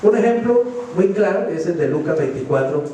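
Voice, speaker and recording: A man's voice: sits high, lively intonation, moderate pace, mellow, slight background noise. A man with a Colombian accent preaching a sermon as pastor, asking the congregation questions as he goes. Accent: Colombian Spanish. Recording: echoey church hall from far off.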